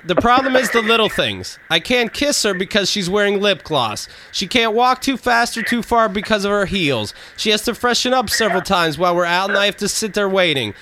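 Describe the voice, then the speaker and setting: A man's voice: sits high, lively intonation, a little fast, few pauses, noisy background. A man hosting a casual chat show, reading listener emails with frequent fillers and laughs. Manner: chatty, laughs often, hesitant fillers. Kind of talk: casual radio-style chat.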